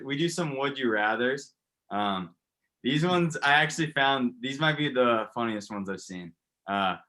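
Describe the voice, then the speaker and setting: A young man with a bright, forceful voice runs a casual sports interview. He keeps it light and jokey as he reads out would-you-rather questions, and his voice sits at an ordinary middle pitch for a man.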